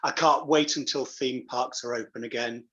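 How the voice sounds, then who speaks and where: A pantomime dame performer chats casually as an interview guest, affable and given to dry jokes. His mid-range voice has a steady, sharp tone at a moderate pace. The call audio is lo-fi and slightly dull.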